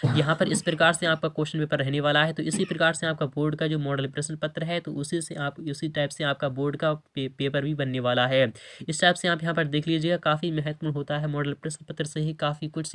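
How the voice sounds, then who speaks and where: Male teacher with a higher voice, explaining an exam paper and restating each point. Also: fairly bright tone. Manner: repetitive, restates with "yani ki". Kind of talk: exam paper walkthrough lesson.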